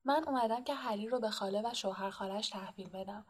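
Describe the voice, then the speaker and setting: A woman voicing a calm, wise old male wizard headmaster in an audiobook, speaking softly and without hurry. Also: medium pitch, lightly acted. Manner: calm, soft, unhurried. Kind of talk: audiobook character reading.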